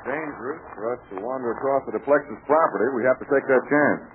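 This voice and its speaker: An actor playing a steady, wry adult adventurer in an old radio serial, speaking matter-of-factly on a vintage recording. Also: male voice, medium pitch, fast talker, close to an everyday voice. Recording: tinny narrow-band old radio recording, noisy.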